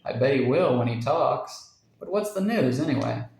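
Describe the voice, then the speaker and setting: A man voicing an excited young husband in a story reading, in a roomy recording. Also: medium pitch, moderate pace, creaky. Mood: eager. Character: excited young husband, cheerful then shaken.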